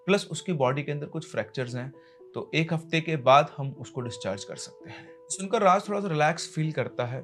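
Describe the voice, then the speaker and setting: A man narrating a horror story in a dramatic way, pushing suddenly ahead and then slowing down. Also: fairly high pitch.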